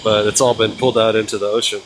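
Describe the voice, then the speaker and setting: A man's voice: on the low side, little pitch movement, fast talker. A man chatting casually on a livestream, laid-back and rambling, talking up to be heard over the wind. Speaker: live streamer. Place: outdoors on a windy rocky beach. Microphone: microphone on a livestream rig. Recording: very loud wind and surf noise. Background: crashing waves, loud wind.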